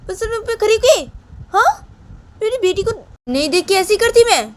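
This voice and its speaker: A woman voicing an indignant young mother who nags her partner in a loud, high-pitched voice. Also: lively intonation, normal speed, a little hiss or hum.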